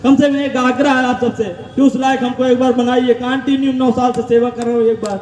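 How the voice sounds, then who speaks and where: Very high-pitched pleading male campaigner. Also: flat delivery, fairly quick, a little mellow, slight background noise. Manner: earnest, repetitive pleading. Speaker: local election candidate. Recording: echoey PA, heard from far off.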